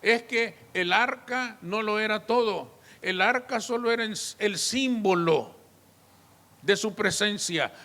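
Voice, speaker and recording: High bright-voiced preaching pastor. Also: male voice, in a large hall. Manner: emphatic preaching, repeated appeals to the congregation. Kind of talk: sermon.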